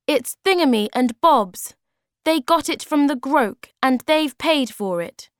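A woman's voice: high-pitched, lively intonation, slow pace, no room sound, clean studio sound, voice pushed up. A woman doing an earnest young troll.

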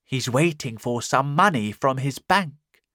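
A reader voicing a worried, sharp-tongued innkeeper's wife who questions her strange guest. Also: medium pitch, lively intonation, unhurried, dry recording, studio quality.

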